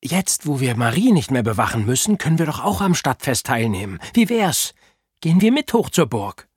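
A man voicing an excitable schoolboy in a children's audiobook, bursting with ideas. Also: mid-range voice, a little fast, husky, dry recording, studio quality, pitched above the performer's own voice. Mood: excited.

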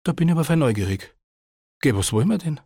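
A bossy old aunt, put on by a male audiobook reader, blunt and scolding. The voice sits a little higher than his own and stays husky. Her dialect-laden remarks swing up and down. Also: animated, quick pace, mellow, dry recording, clean studio sound. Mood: teasing. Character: brash elderly Bavarian aunt, woman, bossy.

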